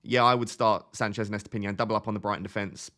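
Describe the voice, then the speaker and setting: This twenties-aged male streamer speaks on the low side with fairly even intonation, very fast and with a sharp tone. Answering viewer questions in a casual chat, he thinks out loud and frequently starts phrases over.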